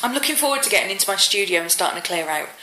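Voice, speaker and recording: Chatting rapid-fire and animated in a mid-range voice, this British vlogger in her thirties films a casual home vlog indoors, moving between rooms and sounding a bit wheezy from a cold. A handheld phone or camera picks her up in an echoey space, with some noise and clicks.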